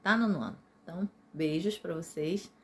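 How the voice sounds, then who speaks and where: A woman with a lowish voice and a Brazilian Portuguese accent teaches a recorded video lesson to ninth graders at a normal pace, explaining patiently and often checking in with her listeners. A little hiss or hum is present.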